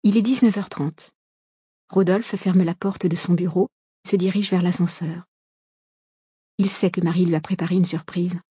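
A woman narrates a novel in a calm, measured audiobook read. Her voice sits low and mellow with a slightly husky grain. The close studio recording is completely dry. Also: no echo. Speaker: audiobook reader. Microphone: close studio microphone.

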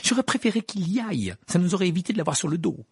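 A man voicing a clever schoolgirl witch who explains things briskly and a bit disdainfully. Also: sits high, sing-song, husky, no room sound, studio quality, voice pushed up, heavily acted. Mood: lecturing. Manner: brisk, lecturing, a little disdainful.

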